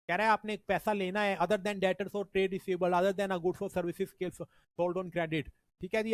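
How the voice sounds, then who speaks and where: A man's voice: high-pitched, no room sound. A man teaching a revision lecture. He explains step by step and often adds "ठीक है जी" as a check-in. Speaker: accounting teacher.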